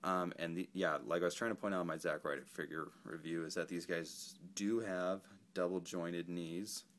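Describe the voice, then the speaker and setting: Laid-back male toy reviewer, very low voice, rambling and self-correcting. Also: steady tone, moderate pace, fairly bright tone. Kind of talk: casual action figure review.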